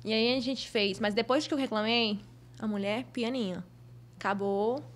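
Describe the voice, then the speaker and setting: A young woman with a Brazilian Portuguese accent, a fashion model telling stories as a podcast guest in a lively, expressive way. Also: fairly high pitch, moderate pace. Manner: lively, expressive, acts out other people's voices. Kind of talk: casual storytelling in a podcast interview.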